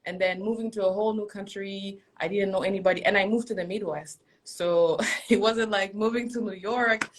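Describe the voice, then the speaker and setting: A woman's voice: mid-range voice, fairly even intonation, moderate pace. A young woman from Congo, a native French speaker, chatting about her work as a guest over a video call, laughing often and using lots of fillers. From Democratic Republic of Congo. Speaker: fashion designer guest. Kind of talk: casual interview over a live stream.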